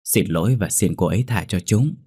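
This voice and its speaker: A practical village woman lays out a plan calmly, as a man puts her on for a narrated story. The delivery is measured, with a low voice and a dry, close sound. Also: husky, no echo. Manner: slow, measured, reasoning. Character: calm practical middle-aged village woman.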